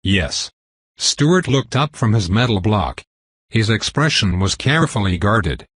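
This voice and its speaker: A man narrating a story in an even, flat reading style. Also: fairly low pitch, a little slow, slightly rough, dry recording. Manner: even, flat reading that voices symbols aloud. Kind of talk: audiobook narration.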